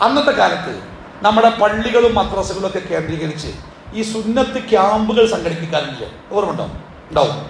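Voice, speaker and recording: Middle-aged male preacher, high-pitched and animated, preaching in a reverberant hall with light background noise. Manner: animated, rhetorical questions to the audience. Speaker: Islamic speaker. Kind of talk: storytelling sermon. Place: hall at a family gathering. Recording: echoey hall.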